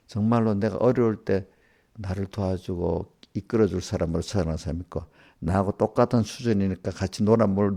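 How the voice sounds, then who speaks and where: A male pastor lectures a small group, firing off rhetorical questions in a scolding tone. His voice sits low and gravelly, with a dark, mellow timbre. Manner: scolding, asks one rhetorical question after another. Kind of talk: small-group sermon addressing congregants directly.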